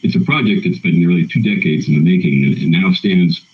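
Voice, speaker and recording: A man with a very low voice reads a prepared public comment. He is earnest, formal and emphatic, and stumbles now and then. The sound is slightly dull, like a remote meeting connection. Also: brisk. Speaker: arts council executive director, public commenter. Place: remote call into a council meeting.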